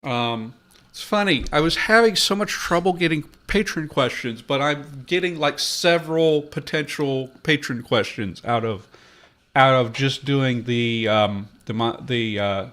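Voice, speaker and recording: A man's voice: mid-range voice, measured pace, a bit bright. A man hosting a podcast, thinking aloud as he builds a language, with many fillers and restarts. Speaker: podcast host.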